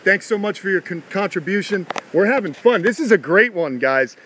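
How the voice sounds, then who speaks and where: A man's voice: sits high, lively intonation, brisk, a bit bright, slight background noise, poor audio. A man in his thirties talking like an enthusiastic wildlife show host, exclaiming and chatting to live-stream viewers outdoors on a phone. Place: outdoors in a fenced animal yard. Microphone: phone at arm's length.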